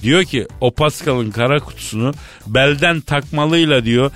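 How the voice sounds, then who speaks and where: A man's voice: mid-range voice, moderate pace, a bit bright, soft background music. A man hosting a comedy radio show, teasing his co-host and staging a fake phone call. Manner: jokey, teasing, mimics the other end of a phone call.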